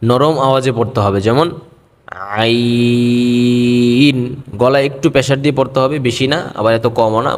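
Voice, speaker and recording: A male teacher giving a patient pronunciation lesson on Arabic letters. He repeats each letter slowly, drawing it out in a half-sung way. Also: medium pitch, in a large hall.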